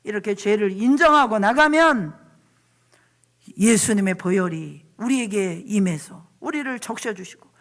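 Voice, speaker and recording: A woman evangelist delivers a church sermon with fervent, emotive intensity. She swings from pleading urgency to chatty, confiding asides, pressing her points home with feeling. Her voice sits at a middling pitch. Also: animated, a little slow. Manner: impassioned, emotive, shifting between pleading and conversational asides. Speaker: evangelist preaching. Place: church service.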